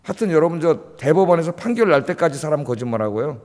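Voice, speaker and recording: Male pastor, high and animated, emphatic sermon delivery, reverberant sanctuary sound. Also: fast. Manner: emphatic, rhetorical questions to the congregation. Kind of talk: early-morning sermon. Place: church sanctuary. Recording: long church reverb.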